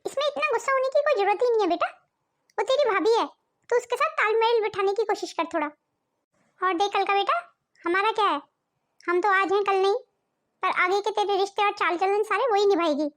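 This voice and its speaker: Woman voicing a cartoon mother-in-law, gentle, fair, patient, very high voice. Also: brisk. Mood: reasoning.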